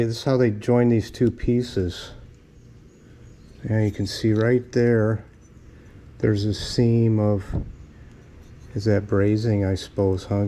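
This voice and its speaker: Male mechanic, unhurried casual workshop vlog, half talking to himself, garage noise behind. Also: fairly low pitch, warm tone. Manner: muttering to himself while working, mechanic's shop talk. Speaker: mechanic restoring an old car in a home garage. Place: home garage.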